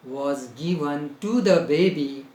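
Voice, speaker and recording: A man with an Indian English accent dictates a grammar lesson slowly and carefully, repeating each phrase and spelling words out a letter at a time. His voice is fairly high and a touch mellow, echoing in the room over slight background noise.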